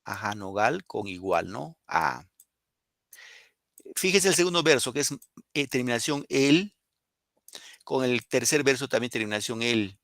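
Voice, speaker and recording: Man, teacher, Peruvian Spanish accent, rough gravelly tone, dry sound, explains and quizzes the class. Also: medium pitch, lively intonation, unhurried, long pauses, fairly bright tone, no room sound. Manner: explains and questions students, reads poems aloud. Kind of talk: classroom lesson.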